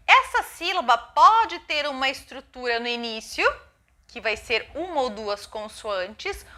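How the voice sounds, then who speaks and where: A woman explains a lesson to teachers in a bright, clear voice. She often stops to check in with short tag questions. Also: high-pitched. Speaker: educator explaining phonological awareness. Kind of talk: educational video explanation.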